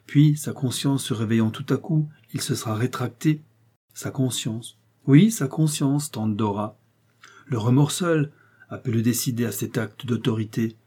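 Reading from a spoken storybook, a man voices a troubled young nephew who presses hard with questions. His natural, mid-range voice turns dark and husky, grave and insistent.

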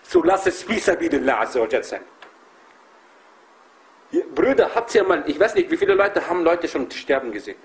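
A man's voice: fairly high pitch, wildly swooping pitch, a little fast, vocal fry, long pauses, slight background noise, low-quality recording. A man preaching passionately to a group of brothers, emphatic and full of rhetorical questions. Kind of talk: impassioned religious talk.

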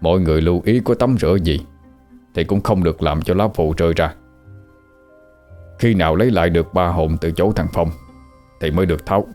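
A man voicing a stern old male exorcist master, giving slow, solemn warnings. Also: sits low, a little mellow, soft background music, lightly acted. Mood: grave.

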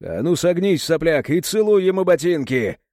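A man's voice: fairly high pitch, sing-song, normal speed, a little mellow, dry recording, studio quality, pitched above the performer's own voice. A man voicing a shaggy-haired, crude male henchman who speaks in a sneering way.

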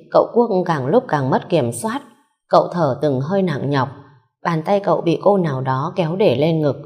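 Low-voiced woman reading a story. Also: warm tone. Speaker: narrator. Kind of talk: storybook narration.

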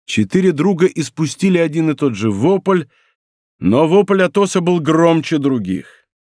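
A male audiobook narrator with a fairly high voice that rises and falls vividly as he tells the story. His reading is theatrical and expressive. The sound is close and dry, with no room in it. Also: unhurried, dry recording.

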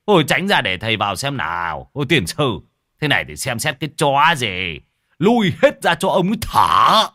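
A bossy old village sorcerer, put on by a storytelling man, barking orders in a raised, pitched-up voice. He is brusque and impatient and swings his voice up and down. The voice is dry and close to the mic. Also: sing-song, a little slow, sharp tone, dry recording, exaggerated voice. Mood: scolding.

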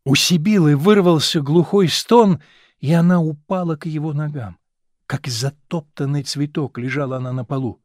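A man reading a novel aloud as narrator, measured and expressive. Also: a little high, no echo, clean studio sound.

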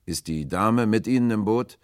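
A man voicing a blunt, practical sailor who talks loudly and directly in an audiobook. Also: sits low, very animated, brisk, dry recording, clean studio sound, pitched above the performer's own voice. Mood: firm. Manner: loud, calling across water, firm and direct. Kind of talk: audiobook character voice.

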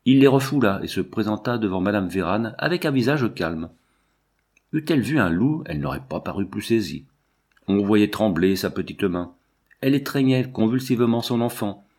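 Low-voiced man reading a novel. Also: lively intonation, moderate pace, a little mellow. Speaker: audiobook reader. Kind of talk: literary narration.

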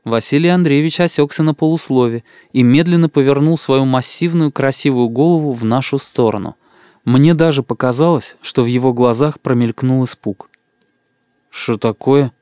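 A man narrates an audiobook in a wry, even storytelling manner. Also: mid-range voice, moderate pace, no echo, studio quality. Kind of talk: audiobook reading.

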